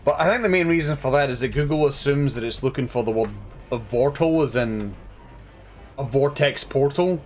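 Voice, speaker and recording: A man's voice: medium pitch, moderate pace, faint music behind. A tired man chatting casually while streaming a game, rambling and laughing at himself. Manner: rambling, laughing, self-deprecating.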